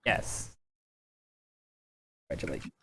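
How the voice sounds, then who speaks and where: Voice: slow pace, pushed and bright, slight background noise. A podcast co-host in casual chat with friends, playful and joking, laughing often.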